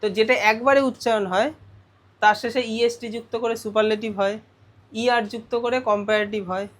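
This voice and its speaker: A man's voice: sits high, fairly even intonation, normal speed, a bit bright. A male teacher going through a grammar lesson step by step, often putting questions to his students. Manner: explains step by step, asks the class questions.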